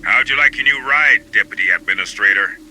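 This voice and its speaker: A man playing a steady, dry marine captain in a video game, with clipped commands. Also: on the low side, fairly quick, a little hiss or hum, poor audio. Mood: wry.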